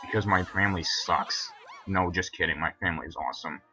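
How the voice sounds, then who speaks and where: A man's voice: low voice, brisk, pushed and bright. A young man giving a casual, rambling commentary on a cartoon episode, full of fillers. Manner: rambling, filler-heavy, chatty.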